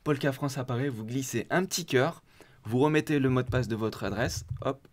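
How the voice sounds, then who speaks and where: Male host, mid-pitched voice, relaxed and chatty, guides viewers click by click through a tutorial. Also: moderate pace. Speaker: host of a crypto community channel. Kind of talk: casual screen-share tutorial.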